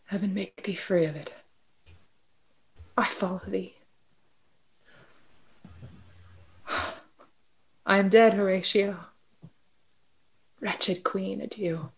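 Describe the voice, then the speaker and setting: A woman's voice: medium pitch, fairly even intonation, measured pace, pauses often, natural voice, poor audio. Woman as dying prince Hamlet, faint deathbed voice. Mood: weak, resigned. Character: dying young prince Hamlet, anguished and urgent. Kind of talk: Shakespearean tragedy acting.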